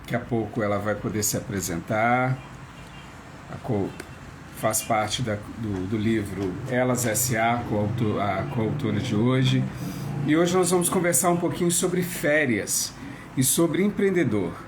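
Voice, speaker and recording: Over a noisy background, a Brazilian man speaks a little slowly in a mid-range voice while hosting an informal phone live stream interview. His style is chatty, full of restarts and repeated words.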